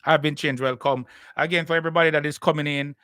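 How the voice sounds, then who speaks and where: A man's voice: fairly high pitch, steady tone, quick pace, pushed and bright, dry recording, studio quality. A man with a Jamaican accent hosting a live podcast, chatting casually and restarting his sentences with repeated words. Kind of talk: casual live-stream chat.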